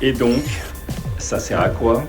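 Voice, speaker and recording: A practical, skeptical game hero, played by a man, speaks in natural dialogue at a middling pitch. Loud game music plays over the voice. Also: slow, lightly acted. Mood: puzzled, skeptical.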